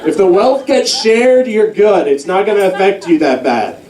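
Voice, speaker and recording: A young man doing a stand-up comedy set in a comedy club, animated and slipping into mock voices for the people in his jokes. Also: high-pitched, moderate pace. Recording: roomy club sound from a distance.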